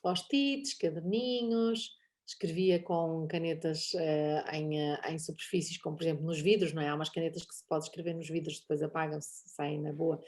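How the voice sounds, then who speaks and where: A middle-aged woman with a European Portuguese accent speaks in a low voice at normal speed. She's a guest speaker in a casual online talk session, animated and laughing often as she acts out bits of quoted dialogue.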